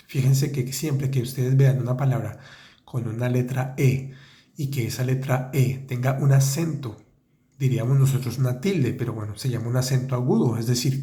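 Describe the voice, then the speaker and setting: A man teaching French in a podcast lesson, explaining in Spanish and sounding out French phrases slowly and carefully. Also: medium pitch, dark tone, echoey room. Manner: slow, careful, deliberate enunciation of French phrases.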